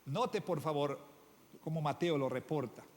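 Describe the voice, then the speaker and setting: Emphatic preacher in a reverberant hall. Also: male voice, fairly high pitch, expressive, unhurried. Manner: emphatic, rhetorical questions to the congregation, hesitant fillers. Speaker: pastor. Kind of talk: Sunday sermon. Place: church hall.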